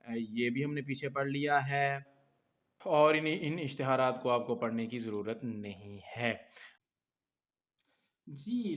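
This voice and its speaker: A man teaching an exam-prep lesson, explaining steadily and reading English headlines slowly, with frequent "theek hai" checks. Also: mid-range voice.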